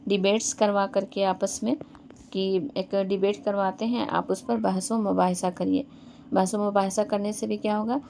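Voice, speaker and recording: A woman gives an exam-prep lecture in a gravelly, fairly flat voice. She keeps posing questions and answering them herself, tagging "hai na" onto her points. Faint noise sits behind her. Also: mid-range voice. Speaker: teacher.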